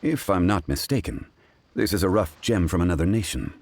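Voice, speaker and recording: Very low voiced calm scholar gentleman, formal n measured but lots of melody, game dialogue. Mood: thoughtful, assured. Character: composed, modest, erudite gentleman scholar. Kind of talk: video game dialogue acting.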